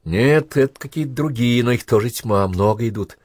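A man voicing an experienced, blunt army sergeant who gives brisk, matter-of-fact reports. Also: medium pitch, a little mellow, a little hiss or hum, voice pushed up, natural voice. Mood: reporting.

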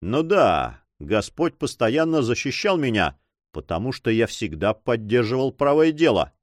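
Male narrator doing a proud buccaneer captain, short-tempered, dry close sound, lively delivery. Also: medium pitch, no room sound. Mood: indignant. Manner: proud, quick to anger.

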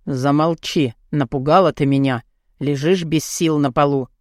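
A woman's voice: low-pitched, steady tone, a little slow, a little mellow, no echo, studio quality, pitched below the performer's own voice. A woman voicing a big, blunt young man in an audiobook, growling and curt. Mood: gruff, bossy. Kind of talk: audiobook character voice.

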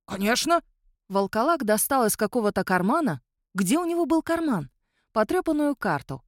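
A woman narrating an audiobook story in an expressive, animated way. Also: a little high, moderate pace, dry recording, studio quality.

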